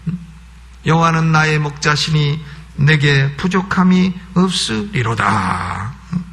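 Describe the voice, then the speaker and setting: A man's voice: fairly high pitch, animated, takes it slowly, a bit bright. A man preaching an expository sermon as a pastor at a church service, emphatic, with rhetorical questions and prompting asides.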